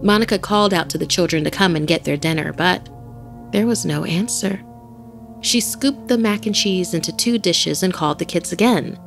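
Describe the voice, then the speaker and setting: A woman's voice: on the low side, moderate pace, vocal fry. A woman host narrating a horror story in a dramatic scripted style. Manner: dramatic, varying pace with the tension. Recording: faint music bed.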